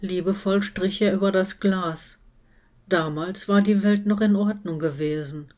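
A woman's voice: mid-range voice, fairly even intonation, a little slow, a little mellow. Woman narrating a story. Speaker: reader. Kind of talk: scripted narration of fan fiction.

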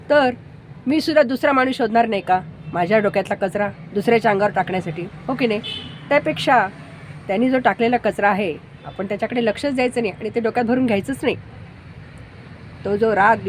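A woman voicing a calm, humble male rickshaw driver who patiently shares simple homespun wisdom. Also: high voice, slight background noise, lightly acted.

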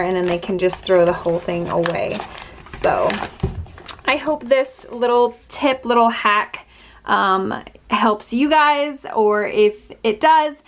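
A woman in her thirties talks casually to her viewers at a slightly high pitch. She rambles, restarts her sentences and fills the gaps with ums and likes. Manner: chatty, rambling, many fillers and restarts. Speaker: vlogger. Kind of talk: casual chat.

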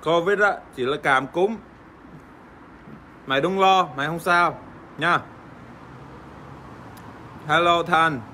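An Australian man, native English speaker, joking crudely with fans in casual livestream chat, halting with fillers and swearing playfully. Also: fairly high pitch, pushed and bright, a little hiss or hum. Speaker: livestream host. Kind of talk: casual livestream chat reading fan comments.

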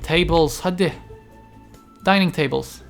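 Chatty gamer narrating a life sim, yells at the characters, drops english game words, mid-pitched voice, faint game music behind. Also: unhurried, gravelly. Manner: chatty, talks to game characters, frequent exclamations; mixes English game terms into speech. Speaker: video game let's-player. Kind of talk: casual let's-play commentary.

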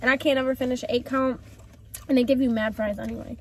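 A woman's voice: sits high, steady tone, fast, a little hiss or hum. A woman vlogger chatting casually in a car, playful and full of slang. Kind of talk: casual chat.

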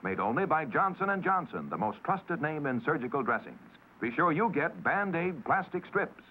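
A man giving a brisk, emphatic 1950s TV ad voice-over, with old broadcast sound. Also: fairly high pitch, big pitch swings, slight background noise. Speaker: commercial announcer. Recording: dull lo-fi old TV audio.

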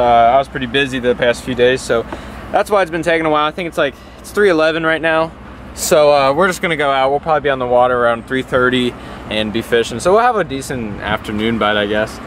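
Young man vlogging outdoors, easygoing and rambling. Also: mid-range voice. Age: young adult. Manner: easygoing, rambling, lots of "uh" and "you know". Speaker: fishing vlogger. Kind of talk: casual vlog narration. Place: outdoors by a truck, then on a boat on a lake. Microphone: handheld camera close to face, later camera mounted on boat. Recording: noisy outdoor camera audio. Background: wind, engine and water noise.

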